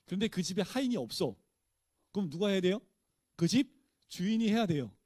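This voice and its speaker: A male pastor leads a Bible study in a casual, conversational style, frequently asking his listeners questions and then answering them himself. His voice is high-pitched, expressive, and brisk with a darkish tone, and there's no room sound.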